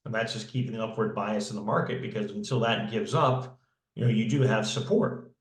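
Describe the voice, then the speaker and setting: A man with a fairly low voice co-hosts a podcast, laying out his points in a measured way. He fills his pauses with "um" and "you know". His voice carries a noticeable room echo. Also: fairly even intonation. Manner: measured, filler-heavy explaining. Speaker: podcast co-host. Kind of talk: casual market analysis.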